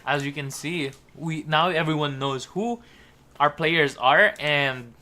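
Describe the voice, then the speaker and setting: A man's voice: on the high side, slow pace, bright, forceful tone. A man giving color commentary on an esports match, chatty and teasing his co-caster.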